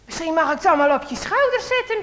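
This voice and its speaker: A woman's voice: extremely high pitch, expressive, fast, a bit bright. A woman voicing an eager six-year-old boy. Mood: pleading. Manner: pleading, eager. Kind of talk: storybook reading. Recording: long hall reverb.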